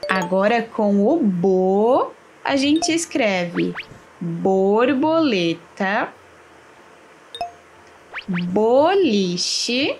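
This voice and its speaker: Female teacher for a kids' lesson: unhurried, carefully sounded-out words, bouncy pitch, light music underneath. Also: sing-song. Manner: slow, clearly spelled-out words with long pauses. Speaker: children's teacher. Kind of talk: slow syllable lesson for children. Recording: faint music behind. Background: soft background music.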